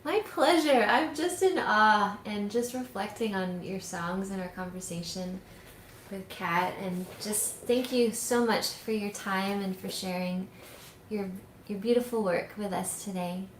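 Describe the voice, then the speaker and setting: A woman's voice: mid-range voice, unhurried, slight background noise. Effusive woman host in a roomy echo. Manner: effusive, thankful. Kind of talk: casual interview chat. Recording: roomy echoey sound.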